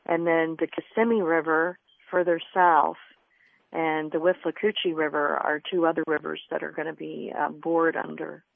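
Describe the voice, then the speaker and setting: A woman's voice: low voice, level tone, moderate pace, gravelly, no echo. A woman from Florida, a journalist and environmentalist, explaining earnestly as a radio interview guest over the phone. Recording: tinny phone line.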